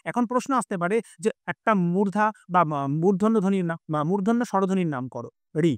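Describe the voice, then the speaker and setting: A man's voice: high voice, animated, quick pace, clear, resonant tone, no echo. A man teaching a live online class, explaining step by step, sounding out vowels and correcting himself as he goes.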